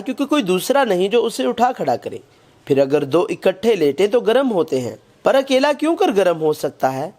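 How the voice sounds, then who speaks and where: A man reading a scripted Bible lesson in a measured, even way, quoting scripture as he goes. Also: high-pitched. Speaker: Bible study narrator.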